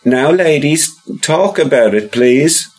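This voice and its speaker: A man's voice: on the high side, expressive, slow, voice pushed up. A man voicing a fussy shopkeeper who gets easily flustered, speaking in a fretful, fussy way. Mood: pleading.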